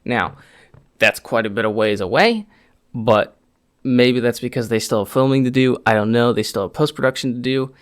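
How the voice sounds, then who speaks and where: A man giving an unscripted, conversational news update as a video host, rambling a little, his speech slightly slurred and stiff-mouthed after dental surgery. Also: medium pitch.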